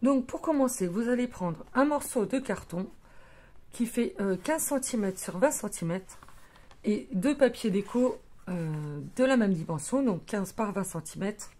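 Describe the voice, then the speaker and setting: With a medium-pitched, mellow, expressive voice at a measured pace, a woman presents a craft tutorial. She's chatty and casual, talking as she handles her materials and filling in with many small "euh"s and "voilà"s.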